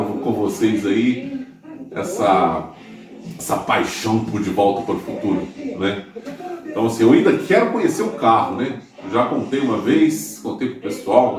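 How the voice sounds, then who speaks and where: A man's voice: medium pitch, far from the mic. A man with a Brazilian Portuguese accent who hosts a channel, chatting casually to viewers in a rambling way, with many restarts and tag questions. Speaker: YouTube channel host. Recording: echoey room, voice off-mic.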